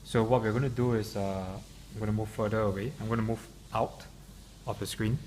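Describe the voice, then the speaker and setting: With a lowish, slightly mellow voice and steady tone, a man talks a little fast while demonstrating software off the cuff. He keeps hesitating and stopping, and the room around him is clearly noisy.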